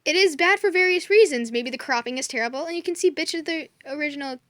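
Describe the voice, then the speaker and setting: A young woman with a high voice talks casually, full of fillers, restarts and little stumbles as she works through a list. She sounds close and dry. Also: fast, a bit bright, dry recording. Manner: chatty, filler-heavy, stumbles over words. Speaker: co-host. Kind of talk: casual chat reading a list.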